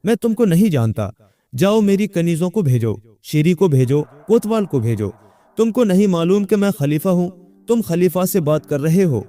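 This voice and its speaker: Figure: man playing an arrogant young man sure he is caliph, ordering people about, storybook tale. Mellow tone. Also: high-pitched, lively intonation. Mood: commanding. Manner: commanding, indignant.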